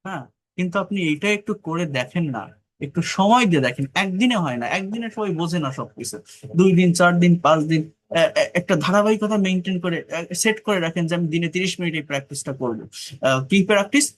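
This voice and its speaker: A man's voice: sits high, lively intonation. Bengali-man teaching English. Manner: slow, repeats phrases while reading dialogue; brisk coaching with English words mixed into Bengali. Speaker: English tutor. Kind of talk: online English class.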